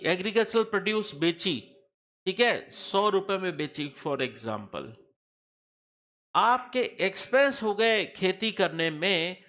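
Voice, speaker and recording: A man's voice: high-pitched, sharp tone. A middle-aged man teaching tax law in a classroom lecture, repeating key figures and quizzing students with questions.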